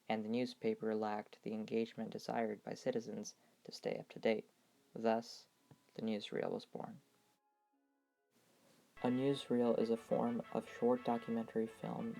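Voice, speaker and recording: A man reading scripted documentary narration in a measured, even, gravelly voice. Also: on the low side, soft background music, poor audio.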